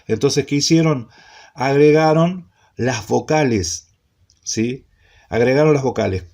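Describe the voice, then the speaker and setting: A man teaching an introductory Hebrew class, speaking slowly and repeating points, often checking in with a questioning "¿sí?". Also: medium pitch, vocal fry, a little mellow. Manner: slow, repetitive, checks in with frequent "¿sí?". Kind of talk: classroom lecture.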